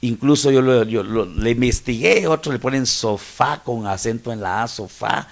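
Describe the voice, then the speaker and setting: A man's voice: medium pitch, a little fast. A man with a Mexican Spanish accent, a pastor teaching a Bible study, explaining terms and checking that listeners follow.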